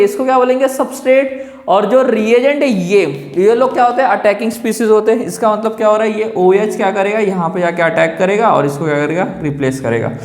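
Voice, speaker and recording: A male chemistry teacher giving a lecture. He keeps asking rhetorical questions and answering them himself, and he repeats key terms slowly. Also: high-pitched. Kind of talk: classroom lecture. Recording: echoey room with long reverb.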